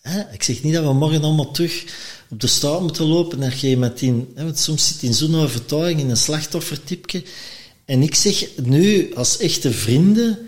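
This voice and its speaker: Flemish man telling his life story. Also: medium pitch. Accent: Flemish (Antwerp). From Antwerp, Belgium. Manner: lively, acts out quoted voices. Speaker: podcast guest. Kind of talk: personal storytelling in conversation.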